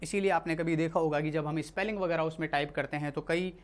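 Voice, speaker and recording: Teacher from India, mid-pitched, talks through a lesson patiently, restating and correcting as they go. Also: steady tone, fast talker. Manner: explains patiently, repeats and corrects itself often. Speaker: English teacher. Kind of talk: classroom lesson explained in Hindi.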